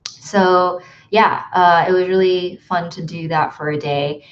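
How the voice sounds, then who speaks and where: A young American woman hosts a YouTube livestream from her bedroom, chatting casually and rambling with lots of ums and likes. Her voice is fairly low with a steady tone and a measured pace. The recording sounds muffled.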